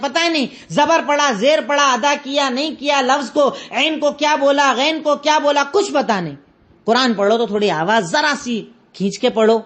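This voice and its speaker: A woman with an Indian Urdu accent gives a religious lesson in a high voice. She goes step by step and says her references twice so they sink in. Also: fairly bright tone. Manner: explains step by step, repeats references. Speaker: religious teacher. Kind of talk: Islamic lesson lecture.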